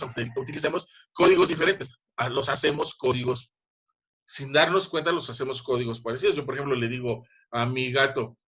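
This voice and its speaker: A man's voice: fairly high pitch, sharp tone, slightly rough. A middle-aged man with a Mexican Spanish accent giving a university class over a video call, conversational and emphatic, often asking rhetorical questions. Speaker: university lecturer. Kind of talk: online class lecture.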